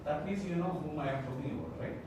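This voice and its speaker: A man's voice: on the high side, quick pace. A man with a Malayalam accent leading an interactive training talk as a corporate trainer, often putting questions to his listeners to check they follow. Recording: echoey room, distant mic, loud background noise.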